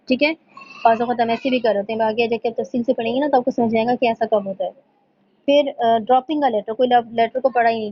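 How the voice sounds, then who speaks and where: A woman teaches a religious recitation class, explaining patiently and pausing to check that students follow. Her voice sits on the higher side. The recording is dull and lo-fi. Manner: explains in Urdu, reads English points slowly from slides; checks in often with "theek hai". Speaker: tajweed teacher. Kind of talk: online class lesson.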